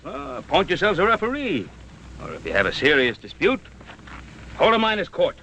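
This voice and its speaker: A genial, middle-aged American patriarch of the frontier in a TV western. His voice is fairly high and very forceful, swinging widely in pitch. He sounds statesmanlike, with faint noise behind him. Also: wildly swooping pitch, moderate pace, exaggerated voice, low-quality recording. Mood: authoritative. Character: respected, genial, commanding older rancher patriarch. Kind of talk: 1960s TV western acting.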